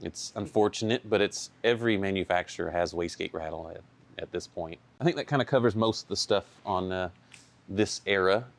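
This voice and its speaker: A man with a notably low, deep voice talks casually at a tech session. He is relaxed and conversational, often pausing on fillers as he explains engine problems. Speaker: shop owner presenting a tech session. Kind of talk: casual technical talk. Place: event room.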